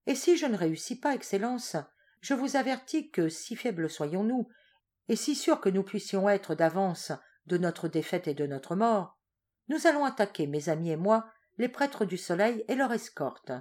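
A woman's voice: mid-range voice, expressive, moderate pace, a little mellow, close to an everyday voice. Woman reading as an anxious old marquis. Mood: pleading. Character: anxious desperate noble father, a marquis.

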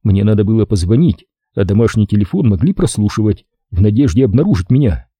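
A man narrating a first-person audiobook in a wry, measured storytelling manner on a close studio mic. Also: lowish voice, expressive, mellow, slightly rough, no echo.

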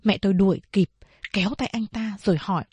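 Husky-voiced woman reading a novel aloud. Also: medium pitch, steady tone, darkish tone, no echo. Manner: measured storytelling. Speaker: audiobook narrator. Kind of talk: scripted narration.

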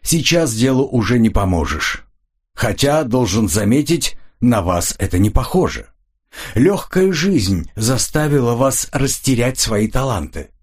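A man voicing a cool, measured older colonel who questions calmly and dryly in an audiobook. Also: medium pitch, slightly rough, pitched above the performer's own voice. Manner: calm, dry, probing.

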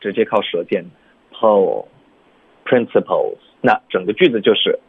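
低沉沙哑的男老师，电话般窄频音质. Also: male voice, fairly low pitch, breathy edge, no echo. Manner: explains patiently, demonstrates words slowly. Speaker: English pronunciation teacher. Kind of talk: radio lesson chat. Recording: narrow phone-like sound.

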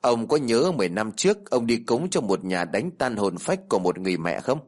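A man voicing the remorseful ghost of an orphan boy who speaks flatly and without fear. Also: medium pitch, fairly quick. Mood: somber. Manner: flat, unafraid, heavy-hearted.

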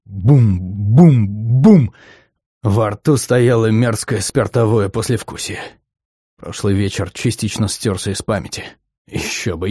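A man's voice: mid-range voice, darkish tone, no room sound, clean studio sound. A man reading a first-person novel aloud in an intense, dramatic way. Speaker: audiobook narrator.

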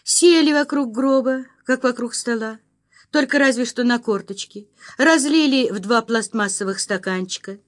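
A woman giving an audiobook narration in a steady, expressive reading manner. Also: a little high, moderate pace.

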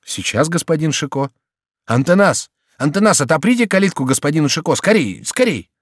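A man voicing a polite, fussy male gate officer, who speaks in a courteous, apologetic and hurried way in an audiobook. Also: mid-range voice, big pitch swings, no room sound, studio quality.

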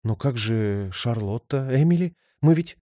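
A man's voice: mid-range voice, animated, unhurried, mellow, no room sound, studio quality. A man voicing a frightened young woman, pleading and panicked. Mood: confused.

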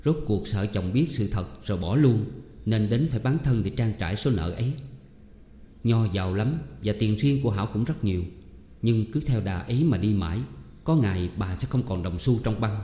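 A man reading a novel aloud as a steady narrator. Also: fairly low pitch, moderate pace. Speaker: audiobook narrator. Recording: roomy hall echo, faint music.

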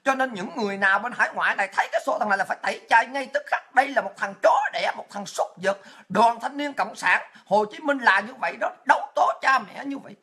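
A woman's voice: a little high, quick pace, sharp tone, breathy edge. A woman with a Southern Vietnamese accent, delivering an angry, profane political rant as an online commentator. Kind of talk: ranting online monologue.

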